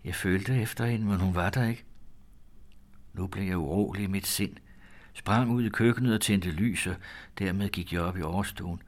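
Grave, lower-voiced male storyteller. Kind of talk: reading an old-fashioned first-person tale aloud.

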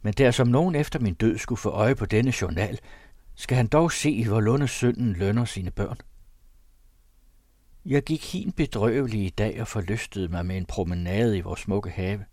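A man's voice: on the low side, darkish tone, dry recording, studio quality. A man reading an old diary aloud in a solemn, mournful manner. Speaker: narrator. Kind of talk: scripted reading of a period diary.

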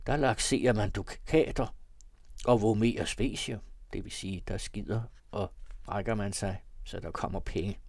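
A man's voice: on the low side, darkish tone, no room sound. A man reading the lines of a dying young man in a classic novel audiobook, wry and ironic as he rambles on.

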